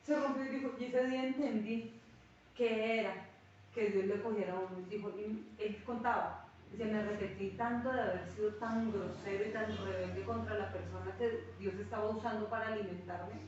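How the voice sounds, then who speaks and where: A woman's voice: mid-range voice, a little fast, a little hiss or hum. A woman pastor teaching a Bible class, telling stories and acting out what people said. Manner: lively storyteller who acts out quoted speech. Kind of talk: sermon-like Bible teaching with anecdotes. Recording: very echoey room, distant mic, dull sound.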